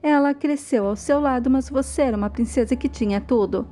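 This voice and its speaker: A gentle young man reasons quietly with an upset woman. A woman reads his lines in a mellow voice. Faint music plays underneath. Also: high-pitched, brisk, voice pushed up, natural voice. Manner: plain read-aloud, gentle.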